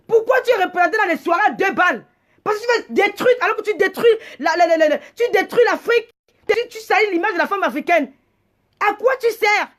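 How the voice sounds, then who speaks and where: A woman's voice: very high voice, a bit bright. A woman, hosting a livestream and delivering an indignant, scolding rant. She stumbles over repeated words as she talks. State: agitated. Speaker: livestream host. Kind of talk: heated live rant.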